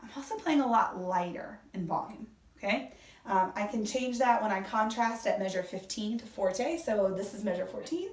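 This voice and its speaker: A woman's voice: mid-range voice, moderate pace. A woman orchestra teacher giving a violin lesson, explaining step by step and counting beats aloud. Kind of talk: instrument lesson. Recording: echoey room, mic at a distance, violin playing.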